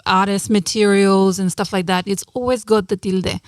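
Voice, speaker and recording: A woman hosts a casual interview, bubbly and playful, slipping Spanish words into her questions. Her voice sits at a middle pitch, and it is recorded close and dry. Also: fairly even intonation, normal speed, no echo. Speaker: talk show host.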